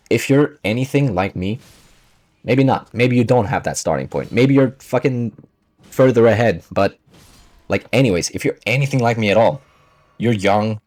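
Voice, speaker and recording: On a close microphone, a man in his early twenties who runs a finance vlog speaks bluntly and casually to viewers, assertive and profane, to motivate them. His voice is lowish and a little mellow, slightly slow, recorded dry.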